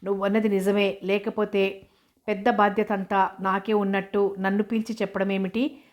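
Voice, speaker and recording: A woman reading as a shy young woman, anxious and earnest, speaking in a flat, even voice. The reading is steady and level, as in a storybook read aloud. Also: medium pitch, normal speed, close to an everyday voice. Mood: troubled.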